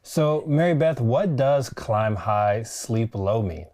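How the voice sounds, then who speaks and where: A studio co-host of an outdoors show, easygoing and slangy, often breaking into laughs. The talk is relaxed and casual. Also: mid-range voice, takes it slowly.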